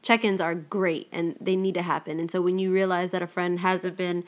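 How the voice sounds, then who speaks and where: A woman's voice: fairly low pitch, level tone, normal speed. A young woman co-hosting a casual talk podcast, thoughtful, laughing often and repeating words as she thinks. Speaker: podcast co-host. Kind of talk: casual conversation.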